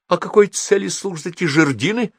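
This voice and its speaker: Howl, a man putting on a whiny, hoarse young wizard. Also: sits high, fairly quick, dry recording, clean studio sound, pitched above the performer's own voice. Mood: irritated. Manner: whining, indignant. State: hoarse from a cold. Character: hot-tempered young male wizard, vain and dramatic.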